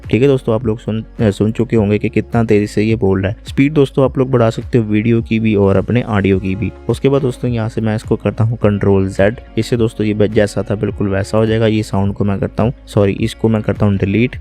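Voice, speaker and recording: Calm man with a low, flat voice. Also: quick pace, few pauses, soft background music. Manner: calm, step-by-step, often says "friends". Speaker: software tutorial host. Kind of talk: screen-recorded software tutorial.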